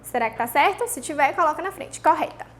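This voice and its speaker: A Brazilian Portuguese-speaking woman teaching an English video lesson, stretching English words out slowly for students to repeat and checking in often with "certo?". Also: sits high, animated, a bit bright. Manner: slow, drawn-out model pronunciation of English words for repeating.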